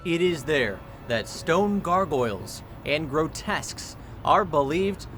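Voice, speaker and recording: Higher-voiced American man narrating news, music underneath. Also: animated, takes it slowly, a bit bright. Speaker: television news reporter. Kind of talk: scripted news feature narration. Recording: music behind the voice. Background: music bed.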